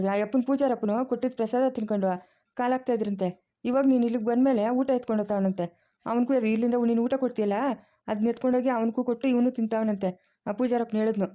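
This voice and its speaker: A woman's voice: on the high side, warm tone, close to an everyday voice. A woman playing a kindly old village grandfather. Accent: rural Kannada, Chikkaballapur region. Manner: patient, soothing, explains at length. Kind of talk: amateur family drama acting.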